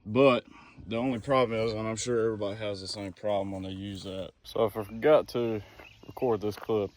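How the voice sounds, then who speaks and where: Outdoors by a vehicle, with some wind and ambient noise in the recording, a man talks fairly quickly in a steady, slightly mellow, fairly low voice. He's doing a DIY car project for his vlog, chatting casually and thinking aloud in an easygoing, folksy way.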